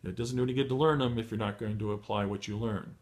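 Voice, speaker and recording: A middle-aged man giving a motivational training talk to beginners, encouraging and full of fillers and restarts, his voice going hoarse. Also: fairly low pitch, steady tone, quick pace, a little mellow. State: losing his voice. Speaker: online marketing trainer.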